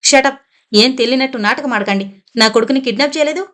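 Woman voicing a frantic young mother, hysterical shouting, raised high pitch, storybook reading. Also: fast talker.

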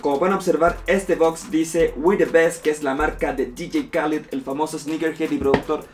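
A man's voice: on the high side, steady tone, moderate pace, a little hiss or hum. A young man from Chile, an upbeat, enthusiastic streetwear vlogger who talks in slang while unboxing his purchases at a table in a small room. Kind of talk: casual unboxing vlog.

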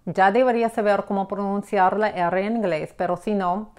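A woman teaching English pronunciation, explaining slowly and checking in with the listener as she gives examples. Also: medium pitch, steady tone. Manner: patient, repeats examples, checks with "ok?". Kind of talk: slow explanatory lesson.

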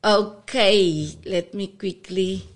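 Slow, patient South African woman. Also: mid-range voice, fairly even intonation. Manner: patient, explains and spells out letters slowly. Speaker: guest language teacher. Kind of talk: radio interview lesson.

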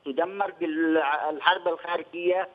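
An older man from Yemen, a studio guest on a news interview, talking in a measured way and repeating phrases, heard over a phone line. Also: on the high side, fairly even intonation. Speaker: studio guest, former press union head.

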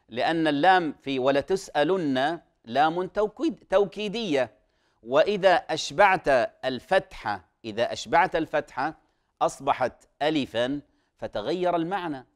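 Male recitation teacher, slightly high voice, patient explainer, hesitant fillers, slow drawn-out demonstrations. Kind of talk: televised recitation lesson.

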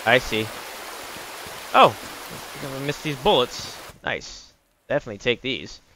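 A man's voice: mid-range voice, lively intonation, unhurried, sharp tone, rough recording. A man giving casual gameplay commentary, muttering and thinking aloud as he goes. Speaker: game streamer. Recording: faint background noise, clicking.

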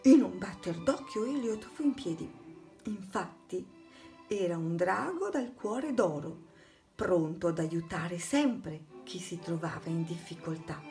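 A woman's voice: lowish voice, expressive, unhurried, warm tone, faint music behind. A woman narrating a children's storybook, reading aloud expressively and dramatically.

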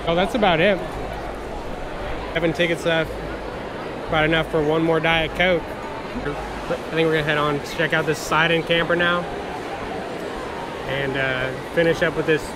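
A man's voice: fairly high pitch, fairly even intonation, unhurried, pauses often, background noise. A man in his thirties casually vlogging while walking around a crowded fair, chatting and laughing. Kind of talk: casual vlog. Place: outdoor fair and food hall, crowded. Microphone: action camera on chest or handheld.

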